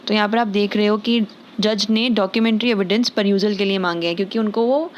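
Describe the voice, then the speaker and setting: A woman teaching English vocabulary in Hindi, patiently explaining each word and slowly reading example sentences, with frequent fillers. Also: medium pitch, steady tone, highs cut off, a little hiss or hum. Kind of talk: Hindi-language vocabulary lesson.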